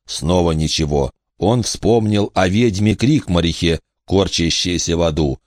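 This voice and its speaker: Deep-voiced male audiobook narrator. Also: unhurried, a little mellow, no echo, clean studio sound.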